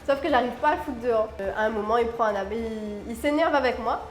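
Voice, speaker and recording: A woman from Réunion, a guest, telling a personal story in an expressive, dramatic way. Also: on the high side, very fast, slight background noise. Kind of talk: animated storytelling. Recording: roomy room with faint music.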